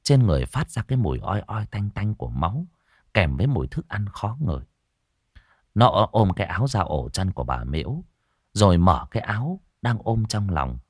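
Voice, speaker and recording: Expressive male storyteller. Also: fairly low pitch, no room sound, studio quality. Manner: expressive, slow dramatic delivery. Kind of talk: scripted storytelling narration.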